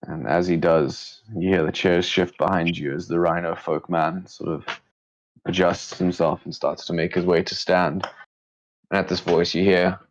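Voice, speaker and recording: A man with a low voice narrates a tabletop game as game master. He describes scenes off the cuff. The recording is a little muffled. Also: flat delivery, moderate pace.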